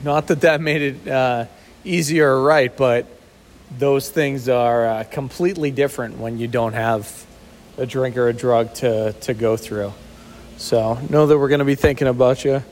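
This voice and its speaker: Big echoey reverb surrounds this podcast co-host, who is recording in a sheltered outdoor spot with a slight hiss or hum. His voice is medium-pitched, steady and darkish, delivered at a moderate pace. He's easygoing and teasing in the casual chat, chuckling often.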